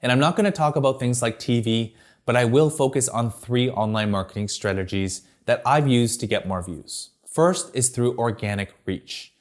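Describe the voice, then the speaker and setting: A male video marketing presenter reads a scripted tutorial smoothly off a teleprompter, his voice at an ordinary middle pitch. He moves through each point at normal speed with few pauses, in a clear, structured and upbeat way.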